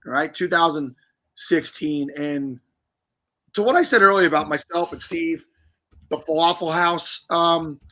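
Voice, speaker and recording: A man's voice: fairly high pitch, a little slow, pushed and bright. A middle-aged man hosting a casual livestream podcast, chatty and rambling with joking asides. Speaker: podcast host.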